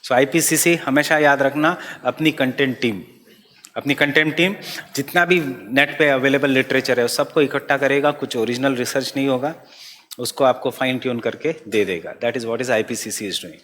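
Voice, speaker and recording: A man with an Indian accent teaching an exam-prep class, dictating slowly and repeating each phrase so students can write it down, then explaining in a mix of Hindi and English. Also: mid-range voice, fairly bright tone, in a large hall, a little hiss or hum.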